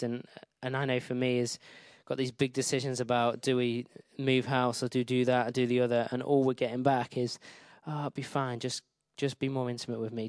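A man speaks in a smooth, clear voice with a dry, close sound. He teaches informally, in a conversational and somewhat hesitant manner, often rephrasing himself. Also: mid-range voice, dry recording. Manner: conversational, hesitant, self-correcting. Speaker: speaker presenting a book.

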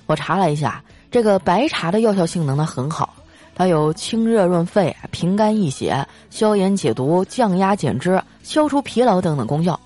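A woman's voice: lowish voice, faint music behind. A young woman doing a comic storytelling monologue, joking and drawing out her particles. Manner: lively, joking, sprinkled with drawn-out particles. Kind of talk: comic monologue with sponsored segment.

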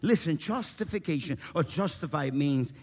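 A man preaching a sermon in English with small grammar slips. He swings between loud rousing calls and soft, close prayer. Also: lively intonation, moderate pace. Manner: shouting and rousing at high pitch, then dropping to a quiet, intimate tone.

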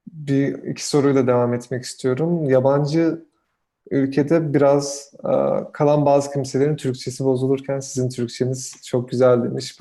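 A man's voice: medium pitch, vocal fry, mellow. A man hosting an interview, politely reading out questions sent in by viewers. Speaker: interview host.

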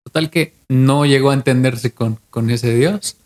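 A young adult man with a Mexican accent, co-hosting a podcast, casually retells a legend from memory, often repeating and restarting phrases. His medium-pitched voice is unhurried and a little mellow.

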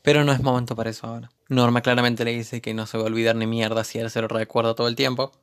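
Argentine male reviewer with a gravelly voice, recapping episodes in a wry, joking tone. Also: medium pitch, flat delivery, racing. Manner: sarcastic, joking asides. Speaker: TV series reviewer. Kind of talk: casual recap commentary.

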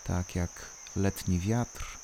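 A calm, soothing voice guiding a body-scan relaxation, unhurried and leaving long pauses between short instructions. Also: sits low, a little hiss or hum. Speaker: guided relaxation narrator. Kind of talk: slow guided body-scan meditation.

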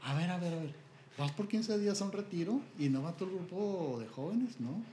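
A man's voice: sits high, lively intonation, brisk, mellow, echoey room, slight background noise, voice pushed up. A man with a Mexican Spanish accent voicing a worried, fretful middle-aged mother as he retells a family conversation.

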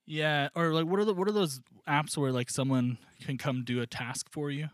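A man's voice: on the high side, steady tone, moderate pace, dry recording. A man co-hosting a comedy podcast in casual chat, rambling and joking with lots of fillers. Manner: rambling, jokey, many fillers. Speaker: podcast co-host.

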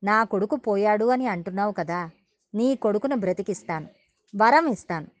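A woman's voice: medium pitch, expressive, moderate pace, no echo, close to an everyday voice. A woman voicing an old male divine sage who speaks in a solemn, invoking way.

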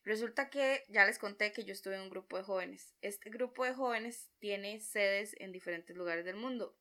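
A young woman with a Costa Rican accent, telling a personal story in a chatty, expressive vlog style and acting out her own reactions. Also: medium pitch, normal speed. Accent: Costa Rican Spanish. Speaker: vlogger.

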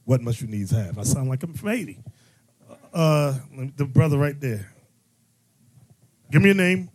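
Preaching as a bishop, this man teaches his congregation in sermon style through call-and-response questions punctuated by sudden emphatic bursts. His mid-range voice is expressive and somewhat slow, with a darkish tone.

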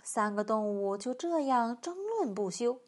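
A woman reading a children's picture book aloud in a lively, expressive storyteller manner. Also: on the high side, unhurried.

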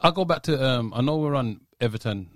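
Young male panellist, London accent, conversational, medium pitch, no room sound. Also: animated, fairly quick, dry recording, studio quality. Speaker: football podcast panellist. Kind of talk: casual chat.

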